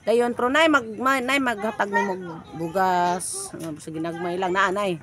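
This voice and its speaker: A woman's voice: medium pitch, unhurried, a crowd in the background. A woman vlogging while climbing a hillside, out of breath and chatty, with a Cebuano accent. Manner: breathless, chatty, laughing often. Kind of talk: casual vlog, walking and chatting. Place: outdoors, hillside village.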